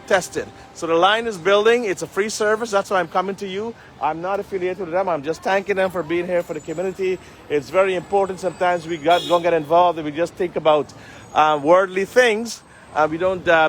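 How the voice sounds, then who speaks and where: Standing on a city street amid traffic and passing vehicles, a man live-streams as a community leader, earnestly addressing viewers in formal, public-speaker phrasing. His voice is high and a bit bright.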